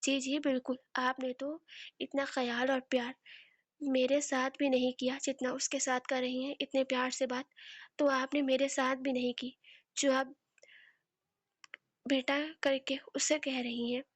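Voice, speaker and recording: A woman's voice: high voice, flat delivery, no room sound. A woman reading the part of a shy young man who explains himself hurriedly in a storybook reading. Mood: defensive. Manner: hurried, defensive.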